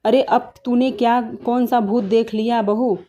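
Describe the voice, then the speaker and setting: A stubborn, bossy middle-aged mother-in-law from a cartoon story, voiced by a woman. She scolds and brushes everything off in a mellow, low-toned voice. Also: steady tone, measured pace, close to an everyday voice. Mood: scolding. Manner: scolding, dismissive.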